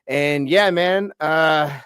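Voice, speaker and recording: Speaking extremely slowly, a young man with a slightly high, a bit bright and smooth voice hosts a combat-sports podcast. He's from the US Pacific Northwest, a little stuffy from a cold, and keeps the interview chat casual and laid-back with plenty of fillers and "bro." The studio-quality sound has no echo.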